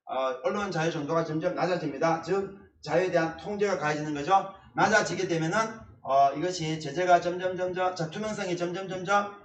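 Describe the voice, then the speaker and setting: A male instructor teaches at a blackboard with emphatic repetition of key words. His voice sits a little high. He is picked up from some distance in an echoey classroom, with faint background noise and clicks. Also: steady tone, a little fast, hardly any pauses. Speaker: essay-writing instructor. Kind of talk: blackboard lecture.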